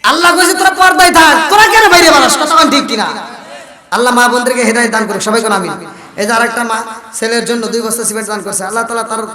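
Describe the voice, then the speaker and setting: A man's voice: extremely high pitch, racing, bright, forceful tone. A man preaching a waz sermon at a large gathering, telling stories and calling out to the crowd for replies, sometimes breaking into sung verses. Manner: chatty storytelling, calls out to the crowd for replies. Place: large religious gathering, amplified. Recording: echoey hall, voice from far off.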